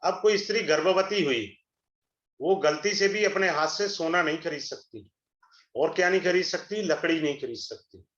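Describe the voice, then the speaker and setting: A middle-aged man giving an astrology webinar, a persuasive, salesy pitch that mixes Hindi and English. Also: normal speed, a bit bright. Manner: switches between Hindi and English. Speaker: astrology teacher. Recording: echoey room, dull lo-fi sound.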